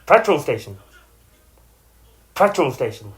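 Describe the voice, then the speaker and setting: A woman saying short example phrases twice, slowly and carefully. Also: sits low, very animated, soft background music. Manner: says each phrase twice, slow and careful. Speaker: example speaker.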